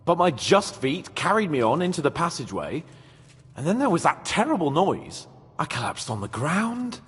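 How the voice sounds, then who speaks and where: Male game role: scared young man, very husky, high, halting, in long reverb. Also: big pitch swings, a bit bright, exaggerated voice. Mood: shaken, confessional. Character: frightened, shaken young man confessing his terror. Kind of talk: dramatic video game dialogue.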